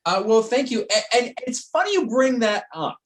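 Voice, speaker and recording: A man's voice: very high voice, big pitch swings, moderate pace. A man hosting a casual online interview, chatty and jokey, often restarting his sentences. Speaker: interview host.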